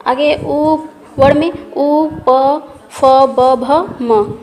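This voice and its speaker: A woman's voice: high voice, fairly even intonation, very slow, a little mellow, long reverb tail. A woman teacher giving a grammar lesson, going through each point patiently and repeating it.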